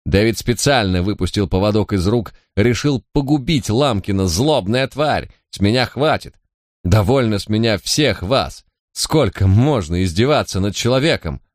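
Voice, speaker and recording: A man reading an audiobook voices a furious, grieving middle-aged noblewoman who screams accusations in a shrill voice. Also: unhurried, no room sound, studio quality, close to an everyday voice. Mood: furious, screaming.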